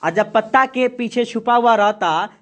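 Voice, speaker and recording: A woman teaching a class, reading a poem slowly line by line, then explaining each line and quizzing the students with quick questions she answers herself. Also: on the high side. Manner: slows down to recite verse lines.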